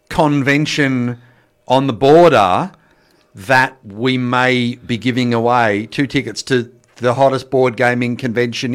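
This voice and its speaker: A man's voice: mid-range voice, fairly bright tone. A man co-hosting a board game podcast, playfully building up announcements in casual chat. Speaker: podcast co-host.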